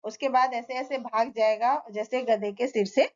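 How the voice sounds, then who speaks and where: A calm, unhurried village healer reassures the family , as a woman storyteller puts him on. Her voice is fairly high, and the recording is a little muffled. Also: lightly acted. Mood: reassuring. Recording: slightly dull lo-fi recording.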